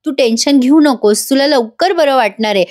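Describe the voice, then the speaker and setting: A woman voicing a gentle, kind young girl who comforts others and pleads to be understood. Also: sits high, normal speed, no echo, studio quality, close to an everyday voice.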